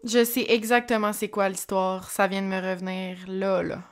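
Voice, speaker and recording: A woman with a Québécois accent co-hosting a podcast, reacting with expressive interjections in casual chat. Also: mid-range voice, moderate pace, clear, resonant tone. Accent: Québécois French. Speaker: podcast co-host.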